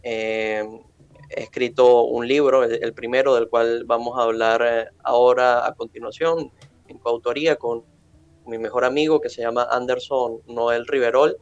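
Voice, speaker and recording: A man, answering interview questions in a measured, formal way with many fillers. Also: medium pitch, steady tone, clean tone, no room sound, lo-fi sound. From Venezuela. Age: 20s. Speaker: interview guest.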